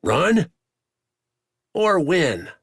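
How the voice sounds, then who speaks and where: A man's voice: medium pitch, sing-song, fairly quick, vocal fry, fairly bright tone, husky, dry recording, studio quality, voice pushed up, exaggerated voice. A man voicing a cocky young male adventurer in an audiobook, with taunting, needling banter. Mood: urgent shouting.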